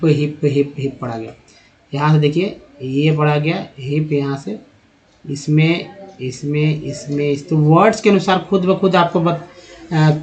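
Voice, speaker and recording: A man's voice: fairly high pitch, a little mellow. A man teaching English reading, sounding out words syllable by syllable and repeating each one. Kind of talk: slow word-by-word reading lesson. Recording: dull lo-fi recording.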